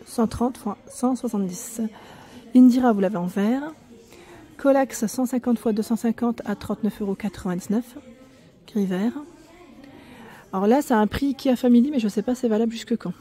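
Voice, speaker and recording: A woman's voice: mid-range voice, dark tone. A woman casually vlogging a walk through a large furniture store, chatting along, reading prices aloud and stumbling over product names. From France. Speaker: shopping vlogger. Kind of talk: casual store walkthrough vlog.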